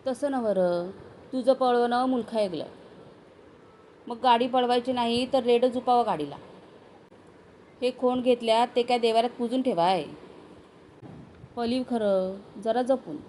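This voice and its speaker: A woman's voice: a little high, unhurried, pauses often, warm tone, slight background noise, close to an everyday voice. A woman voicing an old village mother who nags and worries about her son's driving. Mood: fretful. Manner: nagging, fretful.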